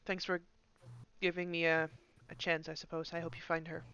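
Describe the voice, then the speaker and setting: A woman playing a soft-spoken grateful prisoner. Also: fairly low pitch, level tone, moderate pace, clear, resonant tone, dry recording, muffled recording. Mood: quiet gratitude. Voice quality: soft and quiet. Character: lonely young woman prisoner, grateful and subdued.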